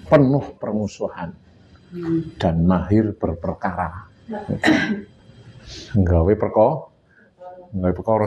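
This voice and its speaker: A man with a Javanese accent giving a casual religious lesson to a study group, often chuckling and acting out everyday dialogue. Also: low voice. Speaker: religious teacher. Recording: dull lo-fi recording with faint hiss.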